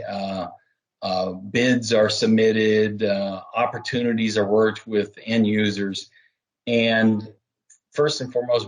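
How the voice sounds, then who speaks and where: This man, a business development manager, answers interview questions by explaining things point by point, with occasional hesitations. He has a lowish voice, captured on poor-quality audio.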